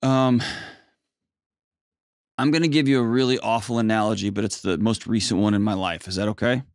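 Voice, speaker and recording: A man's voice: on the low side, fairly even intonation, fairly quick, no room sound, studio quality. A man counseling a caller as host of an advice show, in a conversational, plain-spoken and emphatic way with folksy turns of phrase. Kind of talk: conversational coaching.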